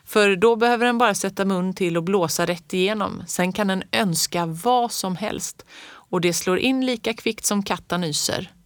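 A woman reading the part of a calm old country man who likes to tell omens, in an unhurried homespun way. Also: medium pitch, dry recording, clean studio sound, lightly acted. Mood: folksy.

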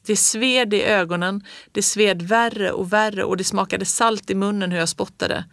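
A woman reading a children's story aloud in the first person with calm, measured storytelling. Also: medium pitch, no room sound, studio quality. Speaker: audiobook reader.

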